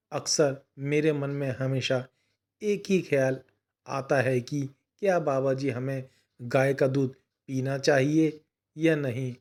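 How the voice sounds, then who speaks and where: A man calmly retelling a spiritual question-and-answer session, in a gentle, patient manner that keeps addressing the listener as "son.". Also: medium pitch. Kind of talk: devotional retelling.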